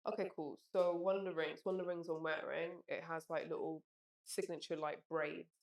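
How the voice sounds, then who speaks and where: Lowish woman's voice, echoey room, hesitant, lots of likes and ums. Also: little pitch movement, normal speed. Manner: hesitant, searching for words, many likes and ums. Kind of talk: casual interview talk. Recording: roomy echo.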